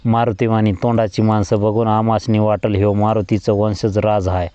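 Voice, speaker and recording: A man voicing a defiant young village rebel leader who speaks in rough, commanding rural speech. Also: fairly low pitch, level tone, moderate pace, dark tone, dry recording, lightly acted. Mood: fiery. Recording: dull lo-fi dry recording.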